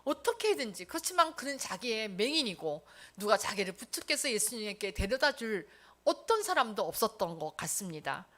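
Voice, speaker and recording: A woman's voice: on the high side, very animated, normal speed, a bit bright. A woman pastor preaching a Sunday sermon, telling the story vividly, speaking to the congregation and acting out what the crowd says. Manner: acts out the crowd's lines in quotes.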